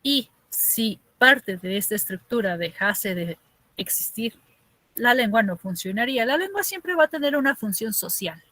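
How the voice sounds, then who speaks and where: A woman's voice: a little high, expressive, normal speed, sharp tone, no echo. A woman from Mexico City with a chilango accent, teaching an online class in a chatty way, asking her students questions and laughing often.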